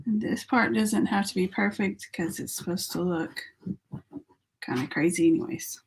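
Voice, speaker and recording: A woman artist with a sore throat and a fading voice chats casually and thinks aloud while painting in a live tutorial. Her mid-range voice moves at normal speed with vocal fry, and the rough recording carries a little hiss or hum.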